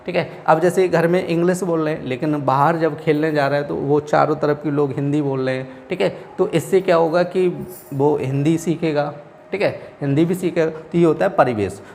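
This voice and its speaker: A man's voice: on the high side, gravelly, darkish tone, slight background noise. A male teacher explaining exam questions step by step, often repeating a question back and answering it himself. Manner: repeats questions back to students, frequent "theek hai". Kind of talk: exam-prep lesson. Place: coaching academy class.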